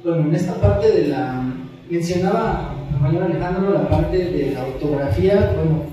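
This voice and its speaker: A man on a panel patiently explaining how a software tool works in answer to a question. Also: on the high side, normal speed. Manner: patient, explanatory, restarts phrases. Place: large auditorium. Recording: very echoey hall, far from the mic.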